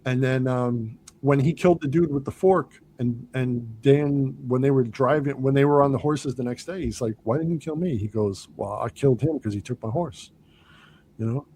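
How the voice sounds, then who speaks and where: A man's voice: mid-range voice, normal speed, slight background noise. A man hosting a podcast, casually talking through a film and acting out its lines as he goes. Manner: animated retelling, quoting movie lines. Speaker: podcast host.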